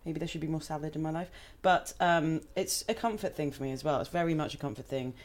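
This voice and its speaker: Low-voiced chatty young woman cooking. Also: fast talker, a little mellow. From Hong Kong. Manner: chatty, laughs often. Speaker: home cook guest. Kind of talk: casual chat while cooking.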